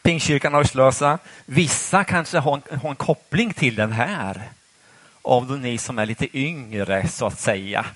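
A man's voice: mid-range voice, lively intonation, fairly bright tone, no room sound. A man preaching a sermon in church, asking the congregation questions in a conversational way.

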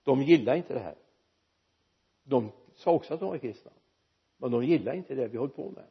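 A man preaching a sermon in a church, lively and joking with the congregation. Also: medium pitch, creaky, husky, muffled recording. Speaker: pastor.

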